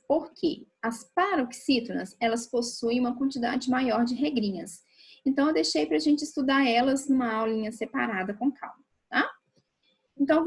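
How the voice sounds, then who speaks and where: A woman's voice: sits high, breathy edge. A woman teacher, explaining a recorded lesson patiently and often checking in with her students. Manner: patient and explanatory, with frequent tag questions.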